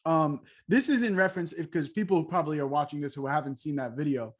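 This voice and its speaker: A man's voice: a little high, fast. A young man co-hosting a casual podcast, steering the chat with questions and fillers. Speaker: podcast co-host.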